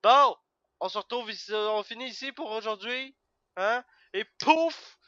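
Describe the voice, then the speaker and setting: Young man, gameplay commentary, excitable outbursts, slightly muffled recording. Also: high voice, normal speed, very noisy. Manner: excitable, breaks into sudden loud outbursts and cursing. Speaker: gaming video creator.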